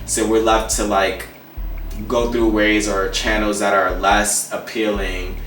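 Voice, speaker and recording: A man in his late twenties answering fan questions in a casual, playful, confident vlog. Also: lowish voice. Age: 20s. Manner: chatty, confident, playful, animated. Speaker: vlogger. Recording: echoey room, mic at a distance, faint music.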